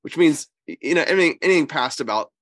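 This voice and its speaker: A man who is a priest, slightly wheezy and congested with a cold, giving conversational religious teaching in an emphatic, halting way. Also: a little high, lively intonation, a bit bright, no room sound. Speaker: priest and co-host.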